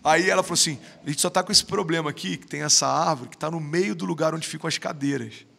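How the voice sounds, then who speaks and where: A man in his thirties with a Brazilian Portuguese accent speaks fast in a slightly high, sharp voice with vocal fry. As a podcast guest, he tells stories in a casual chat, slangy and emphatic, constantly saying "mano."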